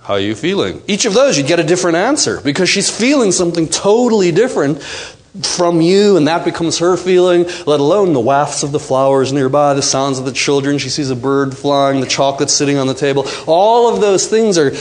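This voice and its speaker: A man's voice: a little high, brisk. A man teaching a live seminar to an audience, acting out quotes and asking the room questions. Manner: animated, acts out quotes, asks the audience questions. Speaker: workshop teacher.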